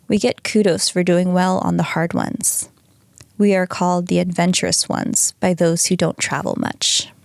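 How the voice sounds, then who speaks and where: A woman voicing a hypnotized male patient who calmly reflects on his soul's choices, reading from a printed script. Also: on the low side, vocal fry, no echo, clean studio sound. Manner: calm, reflective answers read from a script.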